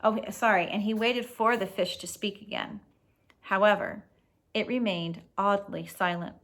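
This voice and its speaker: Reading a storybook aloud as host, a woman speaks in a medium-pitched, unhurried voice. She's expressive and casual in her explanations, pitched at young listeners.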